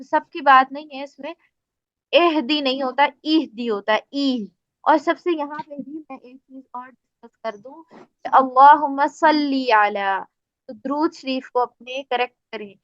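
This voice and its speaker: A woman with a Pakistani Urdu accent, teaching Quran tajweed in a casual spoken lesson, explaining patiently and reciting examples slowly. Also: high-pitched, fairly bright tone, no room sound. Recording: dry, slightly muffled recording.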